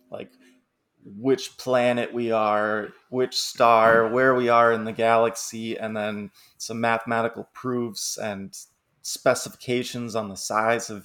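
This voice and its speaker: Male podcast co-host, low gravelly voice, relaxed chatty musing. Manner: laughs often, musing and talkative. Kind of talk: casual chat.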